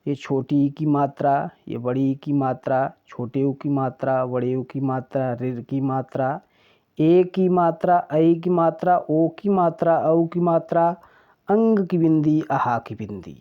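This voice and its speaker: A teacher giving an alphabet lesson, pronouncing each sound in a deliberate, drawn-out way. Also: mid-range voice, steady tone. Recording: dull lo-fi recording.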